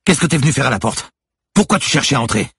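A man's voice: very deep voice, normal speed, breathy edge, no room sound, clean studio sound, heavily acted. Man voicing a tough haunted policewoman. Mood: shouting threats. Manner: terse, commanding. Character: tough young woman police officer, haunted.

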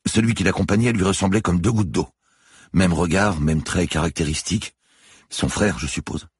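A man reads an audiobook in a clean, dry studio recording, voicing a nervous male cathedral sacristan at a pitch above his own. His deep, breathy-edged voice moves at a moderate pace, earnest and anxious as the character pleads and hurriedly explains himself.

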